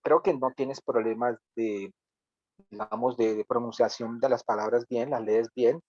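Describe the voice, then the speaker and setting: A man's voice: mid-range voice, fairly even intonation, measured pace, dark tone, no echo, dull audio. Man coaching a radio class. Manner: coaching, loose and talkative, acts out lines. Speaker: radio workshop teacher. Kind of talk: online class feedback.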